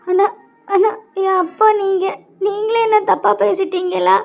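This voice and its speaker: A woman with a Kanyakumari Tamil accent voicing a hurt, tearful young woman in a cartoon, talking haltingly and repeating words. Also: very high voice, level tone, creaky, darkish tone, soft background music, exaggerated voice. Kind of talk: cartoon voice acting.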